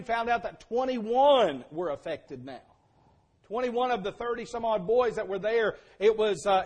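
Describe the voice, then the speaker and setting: An older man preaching a sermon, telling stories and building to fervent shouts. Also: high-pitched. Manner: storytelling, builds to shouting at climaxes.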